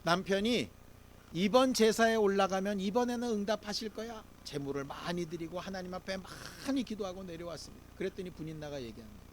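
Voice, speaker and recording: A male pastor delivers a Sunday sermon in a high voice that leaps up and down. He talks in an easy, conversational way and keeps asking the congregation questions. Now and then he leads everyone in reading scripture aloud. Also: expressive, fairly quick, slight background noise. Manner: conversational preaching with rhetorical questions.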